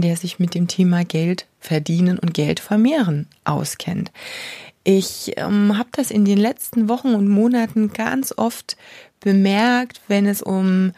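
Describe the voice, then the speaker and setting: A woman's voice: mid-range voice, dark tone, no echo. A woman hosting a podcast, talking casually and chatting about a book with frequent fillers. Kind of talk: casual talk with a book reading.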